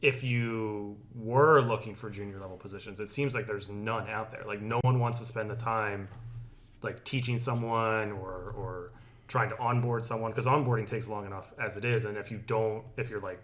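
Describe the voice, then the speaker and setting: A man's voice: on the low side, steady tone, moderate pace, fairly bright tone, a little hiss or hum. A man hosting a podcast, asking questions in a casual, loose way with lots of "like". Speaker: podcast host, interviewer. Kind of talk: casual interview conversation.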